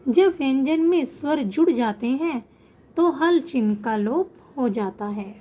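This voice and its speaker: A woman teaching an online Sanskrit class to children, explaining patiently and slowing down to pronounce example words. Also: high-pitched, animated, dark tone.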